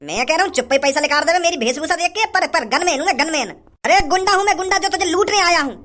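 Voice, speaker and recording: A man's voice: very high voice, expressive, quick pace, sharp tone, heavily acted. An actor playing a boastful male street thug who threatens with a gun in a comedy sketch. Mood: menacing.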